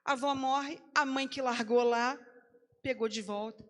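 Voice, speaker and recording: A woman's voice: sits high, steady tone, a little slow, a bit bright. A woman pastor telling a testimony in a sermon, acting out the voices in the quoted lines. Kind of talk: sermon storytelling. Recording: long hall reverb.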